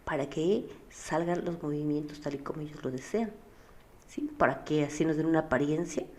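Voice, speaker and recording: A woman's voice: low voice, moderate pace, a little mellow, slight background noise. A woman teacher, patiently explaining a physics lesson and often checking that her students follow. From Mexico. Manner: patient, keeps checking with a questioning "sí?".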